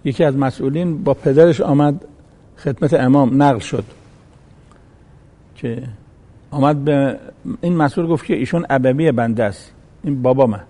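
A man's voice: medium pitch, pauses often, dark tone. A man preaching a sermon, reciting Arabic verses and acting out the voices in a folk story.

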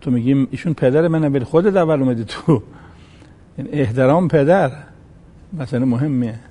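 A man's voice: mid-range voice, warm tone. A man preaching a sermon, reciting Arabic verses and acting out the voices in a folk story.

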